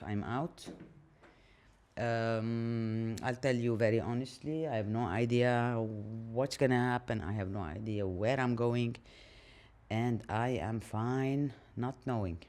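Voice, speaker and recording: A man speaking an unscripted personal monologue while washing dishes, reflective and hesitant, with frequent pauses. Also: medium pitch, fairly even intonation, a little mellow. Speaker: channel host.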